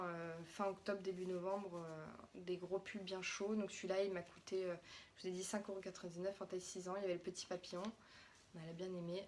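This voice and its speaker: Young French mum, mid-pitched, chatty haul vlogger, slight room hum. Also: female voice, a little mellow. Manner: chatty, many fillers and restarts. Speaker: mother showing children's clothes haul. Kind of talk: casual haul vlog.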